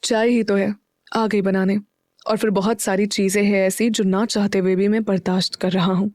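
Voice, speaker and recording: A heartsick young husband in an audio drama, brooding and withdrawn, as a female narrator voices him. He speaks in a low, subdued murmur, recorded dry and close. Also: level tone, normal speed, a little mellow, dry recording, natural voice. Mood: bitter.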